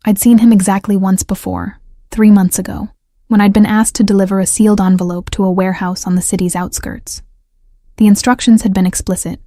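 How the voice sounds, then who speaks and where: A woman reads a first-person romance story at a measured, steady pace. Her voice is mellow and held to a narrow, even tone, and the sound is dry and close. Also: mid-range voice, no echo. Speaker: audiobook narrator.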